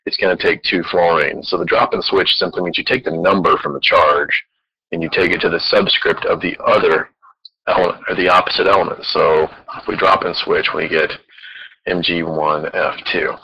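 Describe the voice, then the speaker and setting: A man's voice: sits low, steady tone, normal speed, creaky, bright, forceful tone, slightly rough, lo-fi sound. A man teaching chemistry in a recorded lecture, explaining patiently step by step.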